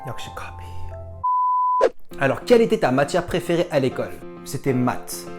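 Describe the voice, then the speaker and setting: A man's voice: fairly high pitch, wildly swooping pitch, normal speed. A young man from France answering viewer questions in a casual, self-mocking vlog, switching between languages. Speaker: vlogger. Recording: music playing underneath.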